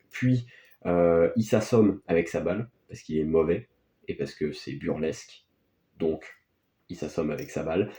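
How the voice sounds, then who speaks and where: A man with a deep, dark voice hosts a video with casual, unscripted film commentary, delivered in a hesitant, rambling, offhand way. The recording is echoey and roomy.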